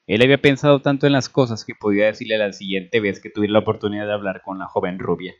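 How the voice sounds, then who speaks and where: Low-voiced male story narrator. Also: fairly even intonation, fast. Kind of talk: reading a fan story aloud. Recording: dull lo-fi recording.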